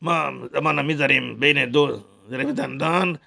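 A man teaching the correct pronunciation of a Hebrew prayer, talking haltingly and repeating words to model each sound. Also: medium pitch, gravelly, sharp tone. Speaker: religious teacher.

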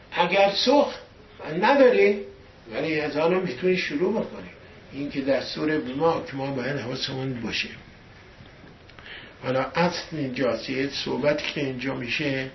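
A man giving a storytelling sermon as a religious teacher, pushing key words louder for emphasis. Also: fairly high pitch, a little hiss or hum. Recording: echoey room from a distant dull mic.

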